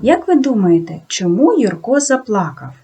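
A woman teaching a video lesson to second graders, talking slowly and sing-song and praising the children often. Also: medium pitch, very animated, dark tone, slightly rough. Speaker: primary school teacher.

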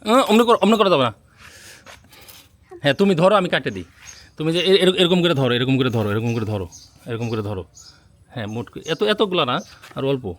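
A young father, talking gently and patiently to his child in a casual family vlog, recorded on a handheld phone in an outdoor rooftop garden. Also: medium pitch, lively intonation, a little fast, long pauses. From Bangladesh. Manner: gentle, coaxing, patiently instructive. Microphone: handheld phone camera.

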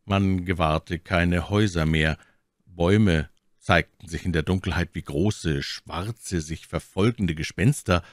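A man with a deep, low voice narrating a classic novel as an audiobook. His reading is measured and literary. The recording is dry and close, with no audible room. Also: dry recording. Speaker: audiobook reader.

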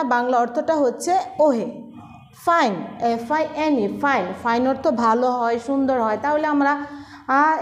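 Woman teacher from Bangladesh, high voice, patient, explains word by word for young pupils. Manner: slow, patient, spells words out letter by letter. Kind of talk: recorded online class lesson.

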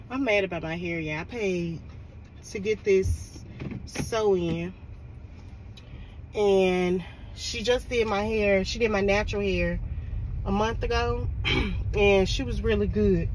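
A woman's voice: mid-range voice, a little mellow. A young woman vlogging from her car as a mother, chatting casually with lots of "like" fillers. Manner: rambling, full of "like" fillers, venting. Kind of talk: casual chat to camera. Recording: noisy street background.

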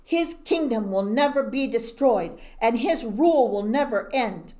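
A woman voicing an ancient male king who speaks solemnly and loudly. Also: a little high, animated, a little slow, voice pushed up. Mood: proclaiming. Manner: declaiming, loud and raised.

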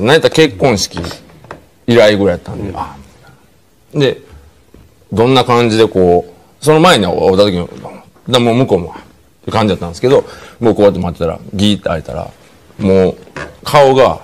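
A middle-aged man with a Kansai accent telling a comic story, acting out lines and dropping to hushed tones. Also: lowish voice, quick pace, pauses often. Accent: Kansai Japanese. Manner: animated, acts out quoted lines, drops to hushed tones. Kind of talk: comic storytelling on a TV panel show. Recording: studio audience laughter.

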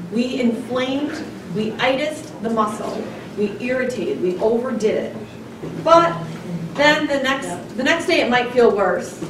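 A woman giving a conversational classroom lecture, often asking the class "right?". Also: fairly high pitch. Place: large darkened lecture room. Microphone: distant camera in the audience. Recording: echoey room, voice from far off, noisy.

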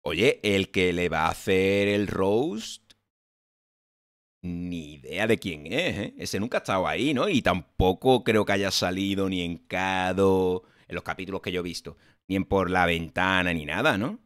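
Young Spanish man, live-stream reaction host, blunt and rambling, bright forceful tone. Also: sits low, expressive, a little slow, a faint crowd. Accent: Spanish (Spain). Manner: blunt, exasperated rambling with restarts. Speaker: streamer reacting to a comedy show. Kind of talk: casual live-stream commentary.

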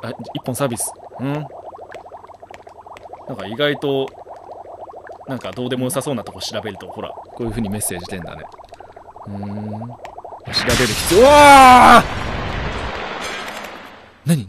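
A man doing let's play commentary, chatting jokingly to himself and bursting into loud startled yells. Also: medium pitch, fast talker, long pauses, background noise. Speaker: game commentator. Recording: loud game sound behind the voice.

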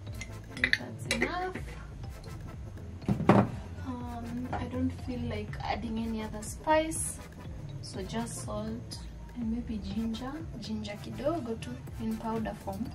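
A woman's voice: a little high, takes it slowly. A young woman with a Kenyan English accent chatting casually through a cooking vlog in her home kitchen, dropping Swahili words in between. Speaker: cooking vlogger. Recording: loud background music.

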